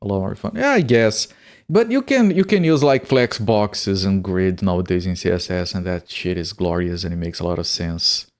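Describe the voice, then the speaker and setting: A man with a somewhat low voice chats casually while playing a game on a live stream. He swears freely and often stammers and repeats words before a sentence gets going. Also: lively intonation, normal speed.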